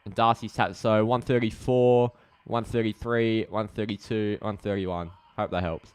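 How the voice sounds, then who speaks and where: An Australian man hosting a live stream, giving excitable play-by-play commentary and chatting casually with his viewers. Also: on the low side, moderate pace, smooth. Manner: excitable play-by-play, chats with viewers, swears when frustrated.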